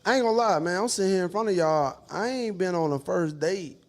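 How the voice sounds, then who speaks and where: A man's voice: sits high, lively intonation, a little fast, soft background music. A man, chatting casually and laid-back with plenty of slang and swearing. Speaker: podcast panelist. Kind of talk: casual chat.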